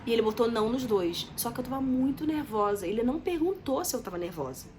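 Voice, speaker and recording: A woman's voice: a little high, animated, quick pace, darkish tone, a little hiss or hum. A young woman, telling a story to her viewers in a chatty, dramatic way. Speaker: vlogger. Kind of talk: casual storytelling to camera.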